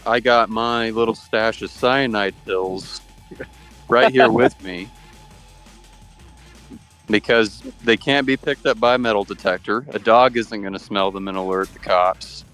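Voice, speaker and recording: Deadpan low-voiced man. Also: moderate pace, soft background music. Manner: dry, deadpan. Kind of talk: casual chat on a voice call.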